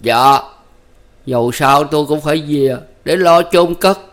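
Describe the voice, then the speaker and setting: A man voicing a bitter, wounded young peasant who cries out in a strained, high voice. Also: normal speed, lightly acted. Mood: subdued.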